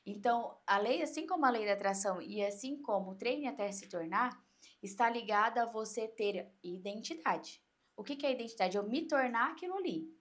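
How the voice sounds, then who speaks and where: Animated Brazilian woman coach, higher voice. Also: brisk. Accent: Brazilian Portuguese. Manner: animated, acts out inner voices and quotes. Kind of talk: podcast interview, explaining.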